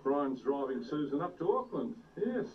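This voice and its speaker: New dad on old VHS tape. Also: male voice, medium pitch, very animated, normal speed. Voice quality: playful, chatty narration to family and kids. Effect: old VHS camcorder tape sound. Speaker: father filming a family home video. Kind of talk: casual commentary while filming. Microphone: camcorder mic. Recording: muffled old VHS tape, distant, hiss.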